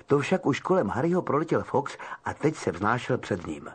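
A man reading a storybook aloud in a measured, expressive narration. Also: medium pitch, breathy edge. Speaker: audiobook narrator.

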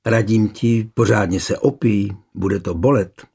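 A man reading a historical novel aloud voices a calm, mocking young nobleman taking revenge on his wife. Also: lowish voice, husky.

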